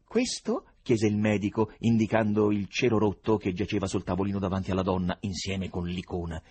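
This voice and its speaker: A man narrating an audiobook in an expressive storytelling manner, with a husky voice. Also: deep voice, brisk. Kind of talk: scripted narration.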